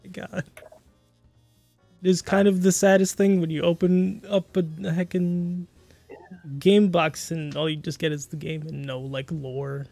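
A man in his twenties commentating a fighting game stream in a casual, laughing way, with quick excited calls of the action. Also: on the high side, gravelly, no echo, soft background music. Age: 20s.

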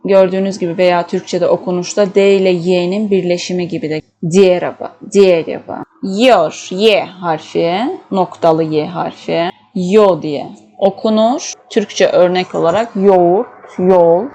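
A young woman teaching the alphabet, patient and clear, saying each example word twice. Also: lowish voice, steady tone, measured pace, mellow. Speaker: language teacher. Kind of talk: slow, clear alphabet lesson.

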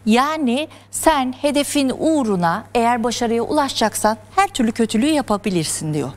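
A woman's voice: a little high, animated, brisk. A woman explaining psychology terms step by step as a guest on a television talk show. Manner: earnest, lecturing, explains step by step. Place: television studio.

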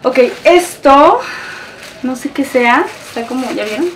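A woman's voice: high voice, lively intonation, unhurried, distant mic, noisy background. A young woman with a Mexican accent, gushing and emotional as she unboxes a package for her vlog. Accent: Mexican Spanish. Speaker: beauty vlogger.

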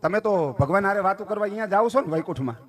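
A humble village woman with a lilt, as a storyteller man puts her on. Her speech is plain and pleading, and the voice is high for a man, as in a spoken folk tale. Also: animated, very fast.

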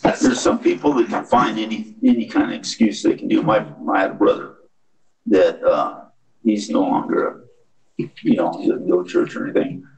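A man's voice: fairly low pitch, very animated, normal speed, lo-fi sound. A man in a church Bible study discussion, blunt and challenging, recorded by a far camera in a meeting room. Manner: gravelly, blunt, challenging questions. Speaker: class member.

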